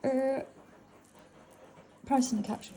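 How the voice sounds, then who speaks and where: Chatty northern English woman, gravelly voice. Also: medium pitch, moderate pace, background noise. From England. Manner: chatty, musing aloud, fond of the items. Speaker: antiques seller. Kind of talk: casual narration while sorting antiques.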